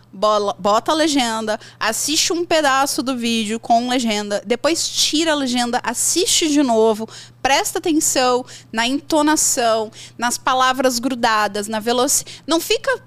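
A Brazilian woman teacher talks in a high, bright register, lively and chatty, giving advice in a podcast conversation. She slips into playful imitations of worried learners. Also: measured pace, no echo. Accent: Brazilian Portuguese. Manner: animated, acts out learners' complaints in a high voice. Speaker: English teacher.

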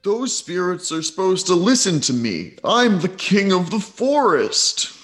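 A man's voice: high-pitched, sing-song, unhurried, a bit bright, soft background music, pitched above the performer's own voice, exaggerated voice. A man voicing a massive lion spirit in a tabletop game, a boastful, defensive forest king with a resounding, emphatic delivery. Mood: proud, insistent.

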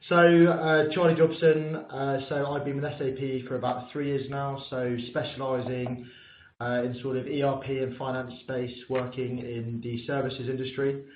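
A man's voice: medium pitch, flat delivery, moderate pace, slight background noise. A man co-hosting a casual podcast, cheerful and enthusiastic. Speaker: podcast co-host. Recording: tinny phone line in an echoey room.

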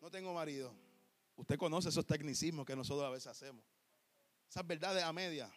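A male preacher delivering a sermon, emphatic, swinging from soft to shouting and dropping in English words. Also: a little high, brisk.

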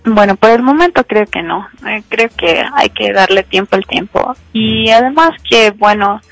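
A woman's voice: mid-range voice, normal speed, gravelly, dry recording, soft background music, low-quality recording. A woman in her thirties, a guest on a show, answering interview questions in a reserved, matter-of-fact way. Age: 30s. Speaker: guest contestant.

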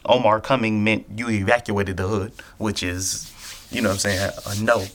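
A man rambles in loose slang, leaning on "you know what I'm saying" again and again. His voice sits a little low. Faint noise hums behind him, as if he is sitting in a vehicle. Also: fairly even intonation, normal speed, a bit bright. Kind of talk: casual rambling commentary.

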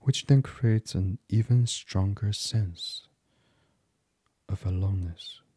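Male meditation guide, very low, mellow and unhurried, close and dry. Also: husky. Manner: slow, soft and soothing, drifting into whispers.

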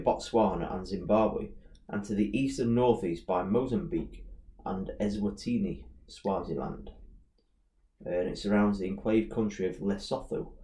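Male co-host, lowish voice, relaxed, filler-heavy, echoey room sound. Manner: laid-back, reads facts aloud with fillers. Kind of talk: casual podcast chat. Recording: roomy echo.

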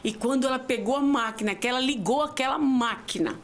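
Woman giving a tearful faith testimony. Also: brisk. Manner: heartfelt, swings from low murmurs to high emphatic cries. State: tearful at times. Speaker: podcast guest.

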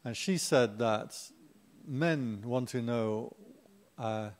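A middle-aged man delivering an informal Dharma talk to a gathered audience. He speaks at an ordinary, mid-range pitch in an easygoing, conversational way, and slips in playful, joking asides as he goes. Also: very slow. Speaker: Buddhist Dharma teacher.

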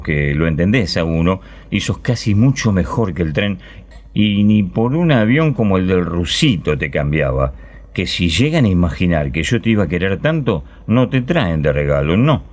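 Deep-voiced man reading a story aloud. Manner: tells it in a child's first-person voice, wistful and intimate. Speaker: radio host reading a short story. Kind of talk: expressive literary reading.

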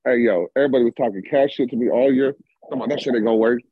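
Fast, husky-voiced male podcast co-host, loose and profane, with a muffled, bass-heavy sound from a covered home mic. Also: no echo. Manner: loose, profane and quick-talking. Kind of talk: casual sports banter. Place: home, indoors.

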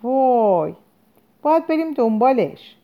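A woman's voice: fairly high pitch, very animated, highs cut off, voice pushed up. Woman voicing eager little twin girls. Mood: excited.

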